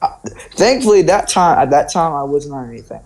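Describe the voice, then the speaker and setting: Fairly quick and full of big pitch swings, this young man's high, slightly mellow voice carries casual storytelling. He keeps it informal, leaning on "like" and asking "right?" often.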